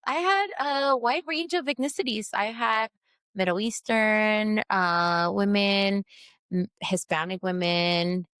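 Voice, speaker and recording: A woman who runs a post-op massage business, talking candidly in an interview, with fillers, restarts and quick shifts into voices when she quotes people. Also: clear, resonant tone, dry recording. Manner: acts out quoted voices with sharp pitch jumps. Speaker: post-op massage therapist, guest. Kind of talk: casual interview conversation.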